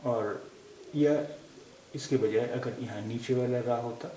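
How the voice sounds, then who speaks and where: A man teaching a language lesson, repeating each word slowly to show how it is pronounced. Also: mid-range voice, mellow. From India. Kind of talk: slow explanatory lesson. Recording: echoey room with faint hiss.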